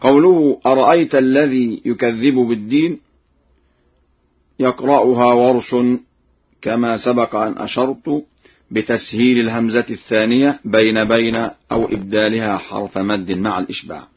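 A man teaching the rules of a Quranic reading tradition in a slow, measured way, pausing to chant the verses melodically as examples. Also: medium pitch, steady tone, breathy edge, dull audio. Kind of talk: lesson on Quranic reading variants with recited examples.

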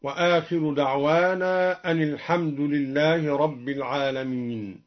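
A man teaching a Quran recitation lesson, explaining plainly and then chanting each verse slowly as an example. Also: on the high side, steady tone, lo-fi sound.

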